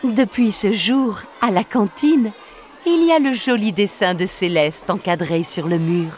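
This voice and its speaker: A woman reading a children's story aloud in a slow, expressive, sing-song way. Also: medium pitch, some chatter behind.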